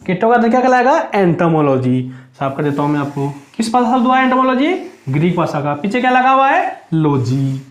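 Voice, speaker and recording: A man teaching an exam-prep lesson, drilling students with repeated questions that rise and answers that drop low. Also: sing-song, fast, few pauses. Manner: asks high and answers low. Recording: echoey room.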